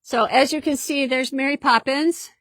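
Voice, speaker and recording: A woman shows products in a fabric shop in a casual, chatty way. Her voice sits somewhat high and sounds upbeat, and she tends to repeat herself. The sound is dry and close. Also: moderate pace, a bit bright, dry recording.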